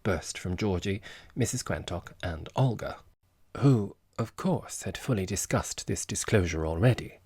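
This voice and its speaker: Male audiobook narrator, lowish voice, slightly husky, dry close sound, measured and wry. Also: expressive, darkish tone, no echo. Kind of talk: scripted narration of a comic novel.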